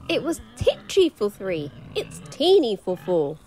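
A woman's voice: huge pitch swings, a little slow, dark tone. A woman voicing a fussing, flustered little old lady in a children's storybook reading, pleading and exclaiming. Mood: frantic. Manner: exclaiming, pleading, rising to high squeals.

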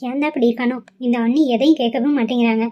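A woman voicing a bossy, scheming middle-aged mother who talks low and nags insistently, in a cartoon. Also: fairly even intonation, very fast, warm tone, natural voice. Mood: nagging, scheming. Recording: slightly dull lo-fi audio.

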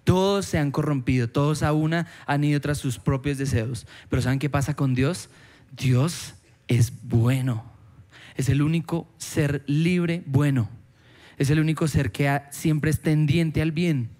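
A man delivers a sermon in a church, his voice sitting a bit high for a man. He talks animatedly, acting out the voices and dialogue he quotes with sudden jumps in pitch. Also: unhurried, a little mellow. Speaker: preacher.

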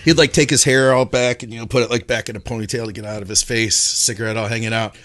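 A man in his forties co-hosting a podcast, telling stories in a lively, animated way. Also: mid-range voice, fast talker. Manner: animated storyteller. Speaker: podcast co-host. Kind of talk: casual storytelling. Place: home studio with video call.

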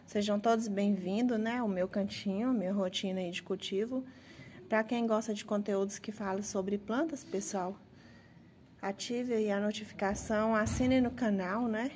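A woman's voice: medium pitch, fairly even intonation, moderate pace, a little mellow. Chatty Minas Gerais woman gardening outdoors. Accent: Brazilian Portuguese, Minas Gerais. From interior of Minas Gerais, Brazil. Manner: chatty, tags lines with "né" and "pessoal". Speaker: gardening vlogger. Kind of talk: casual how-to vlog. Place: home garden, outdoors by a street. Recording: faint street noise. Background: street noise, passing trucks.

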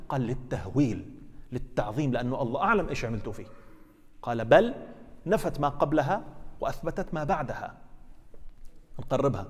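Man, imam, mosque lesson, fast-paced, slightly high voice, reverberant hall. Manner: lively, acts out dialogue, rhetorical questions. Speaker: imam teaching Quran commentary.

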